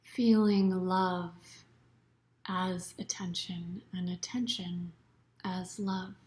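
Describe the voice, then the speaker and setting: A woman with a fairly low voice and flat delivery leads a guided yoga nidra meditation, calm and unhurried, with phrases frequently fading into gentle breath.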